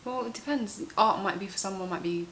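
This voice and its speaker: A woman's voice: mid-range voice, brisk, a bit bright. A young woman co-hosting a casual advice chat, speaking in a frank, informal and reassuring way. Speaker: talk show co-host. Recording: faint background hiss.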